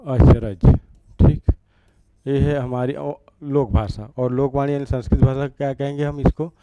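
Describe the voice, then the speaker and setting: A man's voice: mid-range voice, steady tone, measured pace, clear, resonant tone, dry recording, lo-fi sound. A man teaching an exam-prep grammar lesson, repeating each word and asking rhetorical questions as he writes.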